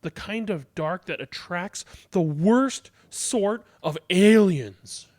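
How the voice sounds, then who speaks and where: A man with a high voice reads a children's story aloud expressively and dramatically, deliberately drawing out his words.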